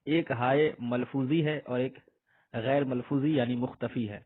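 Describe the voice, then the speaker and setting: Guy teaching grammar, asks then answers himself, repeats example words, husky voice, tinny phone sound. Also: medium pitch, steady tone. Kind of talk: explaining grammar lesson.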